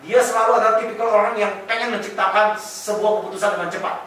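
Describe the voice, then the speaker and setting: A high-voiced man talks fast and animatedly as a sales trainer, coaching the listener and calling him sir at every turn. His voice rings through a very echoey room, caught from a distance by the mic. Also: steady tone, fairly bright tone, a little hiss or hum. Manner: mixes in English sales terms. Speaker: real estate sales trainer. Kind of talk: coaching talk in an interview.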